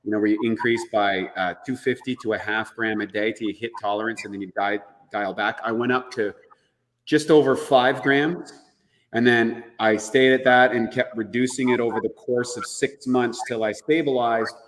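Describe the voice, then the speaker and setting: A man's voice: medium pitch, fairly even intonation, moderate pace, a bit bright, big-room sound, slight background noise. A man talking about supplements as a guest expert on a health show, earnest and explanatory. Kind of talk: casual health talk.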